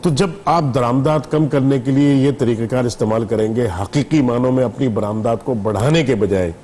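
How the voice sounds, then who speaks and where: A middle-aged man from Pakistan, a business leader guest on a TV talk show, arguing his case in a measured, explanatory way. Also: medium pitch, darkish tone, a little hiss or hum. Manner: measured, explanatory, argues patiently.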